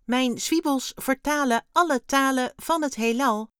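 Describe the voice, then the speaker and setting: A woman's voice: high voice, measured pace, fairly bright tone, clean tone, dry recording, clean studio sound, pitched above the performer's own voice. A woman reading a children's story aloud, voicing a cheerful, small, hairy blue alien with chirpy, odd turns of phrase. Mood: chirpy, eager.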